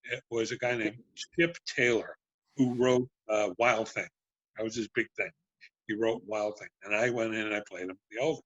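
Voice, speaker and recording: A man's voice: fairly low pitch, moderate pace, no echo. An older man, a guest on a talk show, telling stories from his music industry days, swearing freely and acting out what others said in raised voices. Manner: animated storyteller who swears and acts out quotes in a raised voice. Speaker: talk show guest, former band promotions manager. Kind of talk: casual storytelling chat. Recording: dull lo-fi dry sound.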